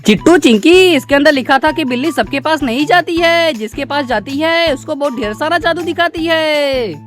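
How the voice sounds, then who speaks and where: A woman's voice: high voice, normal speed, soft background music, natural voice. A woman voicing a curious young boy in a cartoon who eagerly explains things.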